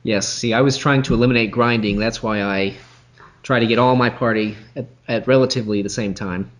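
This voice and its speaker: A man's voice: mid-range voice, fairly even intonation, fairly quick. A man on a podcast over a video call, hesitant and methodical, with many restarts. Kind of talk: casual chat.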